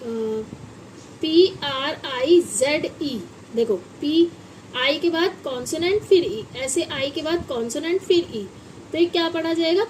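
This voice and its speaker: A woman gives a patient phonics lesson. Her voice sits high and her pace is slow and deliberate as she spells words out letter by letter. A faint hiss of background noise runs under the recording. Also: darkish tone, rough recording. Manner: asks children questions and spells words letter by letter. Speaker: English teacher.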